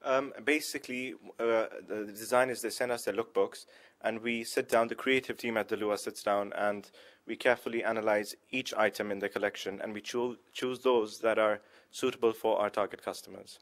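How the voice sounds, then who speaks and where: A young man, a shop co-founder, answering interview questions in a measured way with an occasional "uh". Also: fairly low pitch, steady tone. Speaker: e-boutique co-founder.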